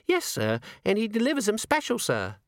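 A man's voice: high-pitched, wildly swooping pitch, moderate pace, fairly bright tone, no room sound, clean studio sound, pitched above the performer's own voice, full character voice. A man voicing a nervous, humble young maid in an audiobook, timid and polite. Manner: timid, adds "sir" to everything. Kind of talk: audiobook character voice.

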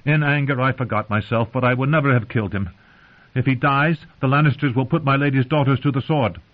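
A man's voice: mid-range voice, steady tone, fairly quick, voice pushed up, natural voice. An earnest, stubborn young woman knight who presses every point, with a male narrator raising his voice to play her. The audiobook sound is muffled and lo-fi. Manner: earnest, insistent. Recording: dull lo-fi audio.

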